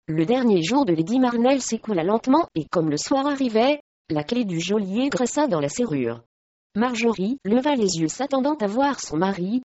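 A woman narrating a historical storybook in a steady, measured reading voice. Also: a little high, no room sound, highs cut off.

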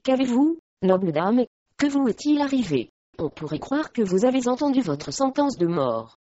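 A woman's voice: a little high, sing-song, normal speed, mellow, slight background noise. A woman reading the part of a frightened young maidservant, speaking with alarm and concern. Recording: dry, slightly muffled recording.

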